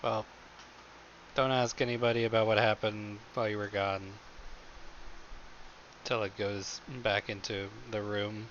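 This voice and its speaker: A man's voice: fairly low pitch, flat delivery, a little slow, long pauses, fairly bright tone. A man playing in a tabletop game, speaking in a dry, matter-of-fact way. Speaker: player. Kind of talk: tabletop role-play chat. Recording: dull mic with clear hiss.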